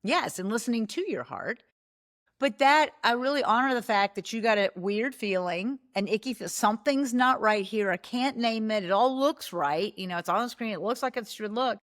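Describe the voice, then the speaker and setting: A podcast host and coach interviews a guest over a video call, enthusiastically prompting them with questions in casual conversation. Her voice is fairly high and her pace normal.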